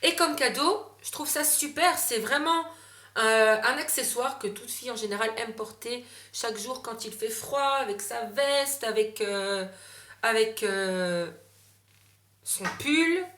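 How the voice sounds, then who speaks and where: A woman's voice: on the high side, unhurried, fairly bright tone, reverberant. A young woman from Belgium, chatting casually about gift ideas, with many fillers and self-corrections. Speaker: beauty vlogger.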